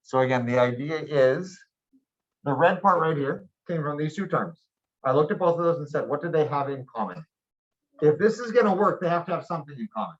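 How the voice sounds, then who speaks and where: A man's voice: fairly high pitch, expressive, brisk, dull audio. A man teaching a math class, explaining steps patiently and often asking if students follow. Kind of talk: classroom lecture.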